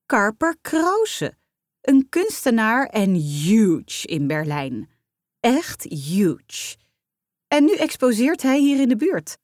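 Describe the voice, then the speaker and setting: A woman's voice: high-pitched, animated, warm tone, dry recording, studio quality, voice pushed up. A woman playing a swooning, starstruck mother. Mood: gushing. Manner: drawn-out, swooning emphasis. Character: gushing middle-aged mother, starstruck and theatrical.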